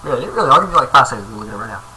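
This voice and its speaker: In a noisy amateur home recording, a video host reads a creepypasta aloud in a very animated, rapid-fire way. His medium-pitched voice stumbles over words, and he throws in jokey asides.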